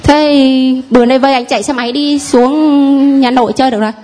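A woman's voice: sits high, fairly even intonation, moderate pace, mellow. Hesitant woman giving a church testimony. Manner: hesitant, many fillers. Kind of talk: spoken testimony.

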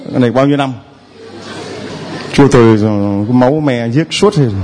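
A man's voice: medium pitch, fairly quick, background noise. A man who is a priest, leading a church healing service and calling out to the congregation. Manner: calls out to the congregation. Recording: long hall reverb, faint ambience.

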